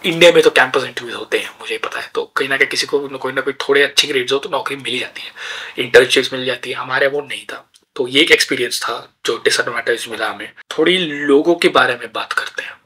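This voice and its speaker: A man's voice: mid-range voice, fairly even intonation, fast, pushed and bright, breathy edge, poor audio. A young man from India casually telling his own student story in a conversational way, with some hesitant fillers. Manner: conversational, mixing in English words, with hesitant fillers. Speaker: vlogger.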